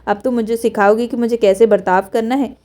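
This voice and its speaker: A woman's voice: fairly high pitch, fairly even intonation, brisk, lightly acted. Woman reading as a harsh bullying husband. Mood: angry scolding. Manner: shouting orders, scolding. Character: angry domineering husband, grown man.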